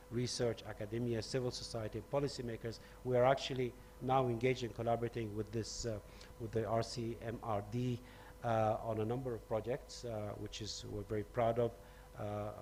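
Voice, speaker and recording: A man's voice: mid-range voice, darkish tone. A man giving hesitant closing remarks at a conference, with many fillers. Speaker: conference speaker. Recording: faint hum behind.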